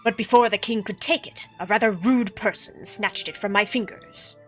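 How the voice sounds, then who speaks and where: Courtly young prince with a put-on Spanish accent, read by a woman, bright and crisp, faint game music under. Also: medium pitch, moderate pace, natural voice. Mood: storytelling. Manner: formal, flowery, gracious. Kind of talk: reading game dialogue aloud.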